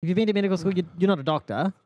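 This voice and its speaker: A man's voice: high voice, racing, darkish tone, no echo, highs cut off. A man co-hosting a casual podcast, rambling and joking, swearing freely. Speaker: podcast co-host. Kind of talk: casual chat.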